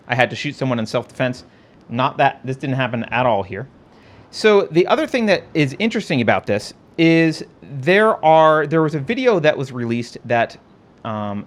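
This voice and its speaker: A man's voice: on the high side, fairly bright tone. Man narrating footage in casual commentary. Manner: conversational, pointing things out on screen, frequent restarts. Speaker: political talk show host. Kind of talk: casual commentary walking through video footage.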